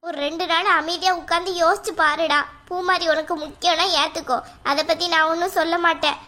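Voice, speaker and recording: A worried middle-aged mother from a cartoon, voiced by a woman. Her voice is very high and bright, almost squeaky. She talks in a fretful, pleading way. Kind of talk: cartoon voice acting.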